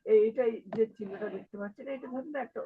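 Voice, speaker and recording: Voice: medium pitch, a little fast, breathy edge, dry recording, narrow, tinny audio. A teacher explaining Arabic vowel signs over an online call, the voice breaking up from a bad connection and asking the student the same questions again and again. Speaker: Quran reading teacher.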